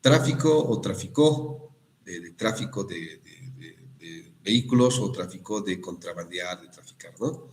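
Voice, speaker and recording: A man's voice: low-pitched, moderate pace, hardly any pauses. Man lecturing on spelling rules. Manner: explanatory, frequent tag questions and restarts. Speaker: university language teacher. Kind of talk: online class lecture.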